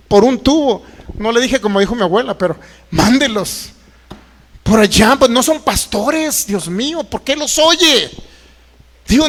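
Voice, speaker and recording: A man's voice: extremely high pitch, a bit bright, long reverb tail. A man preaching a sermon to an online audience, emphatic and mocking, with frequent exclamations.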